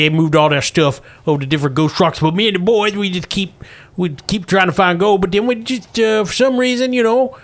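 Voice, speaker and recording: A man plays a simple old prospector in a tabletop western, pleading and dodging. The voice is high and bright, with a rustic drawl that sounds nervous and evasive.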